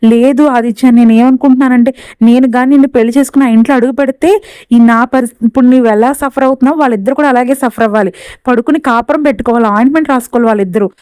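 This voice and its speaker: A woman's voice: on the high side, steady tone, very fast, warm tone, clean tone, no room sound, natural voice. A woman voicing an angry young woman in a serial recap, speaking bitterly and heatedly. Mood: indignant.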